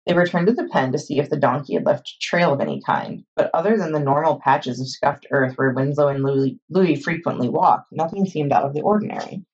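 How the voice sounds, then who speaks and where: A woman librarian reading a children's chapter book aloud in steady storytime narration. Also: deep voice, fairly quick, few pauses, slightly rough. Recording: dull lo-fi recording.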